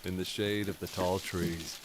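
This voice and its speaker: A man voicing a calm, dreamy male game character who speaks slowly and drowsily. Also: sits low, background noise. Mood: drowsy.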